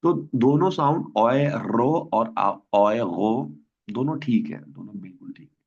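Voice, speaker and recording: A man's voice: mid-range voice, lively intonation, normal speed, creaky, darkish tone, husky. A man teaching an online language class, patiently quizzing students and repeating words. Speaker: German teacher. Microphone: video call. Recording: dull lo-fi online class audio.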